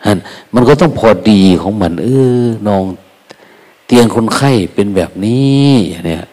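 An older man, a Buddhist monk, giving a soft, unhurried Dharma talk with folksy quoted asides. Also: lowish voice, animated. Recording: long hall reverb.

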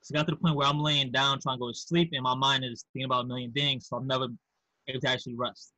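A man's voice: medium pitch, little pitch movement, racing, pushed and bright, no echo, low-quality recording. A man from Queens, New York with a Queens accent, talking candidly and casually as a podcast guest. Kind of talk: casual conversational interview.

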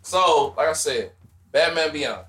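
Podcast co-host, man, Southern drawl, animated and bright-toned. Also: fairly high pitch, a little slow. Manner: animated, laughs often, says "bruh" a lot. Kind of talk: casual chat.

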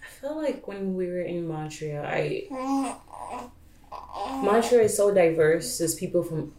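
A woman guest telling stories in a relaxed, casual conversation. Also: on the low side, measured pace, reverberant.

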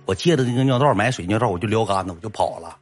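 A young man telling a comic story, lively and animated, acting out the quoted lines. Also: fairly low pitch, racing, soft background music.

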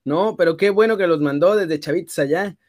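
A man's voice: fairly high pitch, brisk, a little mellow. A Mexican man in a casual football talk show, chatting loosely and padding his sentences with fillers. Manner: chatty, filler-heavy with frequent "o sea". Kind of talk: casual sports chat.

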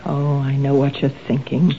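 In a 1970s radio drama, an actress plays a nervous married woman struggling with kleptomania, sounding anxious, tense, pleading and hesitant. Her voice is rumbling low with a flat delivery at normal speed, and the dull old broadcast carries slight background noise.

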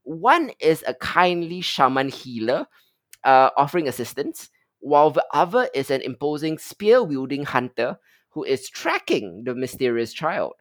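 A man giving a measured film synopsis and review, often pausing on "um". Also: fairly high pitch, big pitch swings, dry recording. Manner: measured, summarizing with frequent "um".

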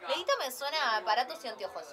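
A woman's voice: sits high, animated, very fast, over music. A young woman co-hosting a casual stream, teasing her friends and throwing in English phrases. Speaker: co-host. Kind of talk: casual chat on a live stream.

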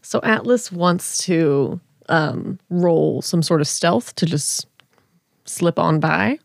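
Low gravelly woman at a game table. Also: slow, no room sound, studio quality. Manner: plans out loud, asks lots of questions. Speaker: player. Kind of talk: casual chat at a game table.

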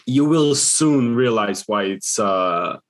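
A man's voice: fairly low pitch, lively intonation, takes it slowly. A man from Macedonia hosting a casual podcast chat, joking, swearing and laughing a lot. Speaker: podcast host. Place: Switzerland.

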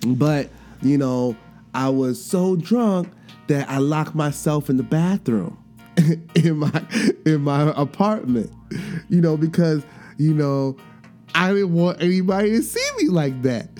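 A man's voice: a little high, slow, faint music behind. A man in his thirties hosting a podcast, talking candidly in a casual monologue, telling stories animatedly and laughing at himself. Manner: animated storytelling, acts out voices, laughs at himself. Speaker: podcast host.

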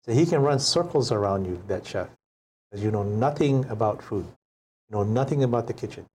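A man in his sixties from Hawaii, a chef guest telling stories in an unhurried, reflective way in a studio interview. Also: lowish voice, expressive, a little mellow, a little hiss or hum. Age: 60s. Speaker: chef and restaurant owner guest. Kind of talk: casual interview storytelling.

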